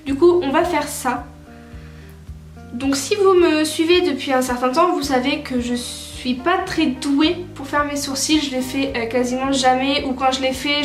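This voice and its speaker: A young woman with a high, light voice talks her viewers through her makeup in a relaxed, chatty way, often pausing on fillers and correcting herself. Her voice rings in a roomy space, with faint music playing underneath. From France. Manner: chatty, many filler "euh" and self-corrections. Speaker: beauty vlogger. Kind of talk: casual makeup tutorial chat. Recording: roomy echo with soft music behind.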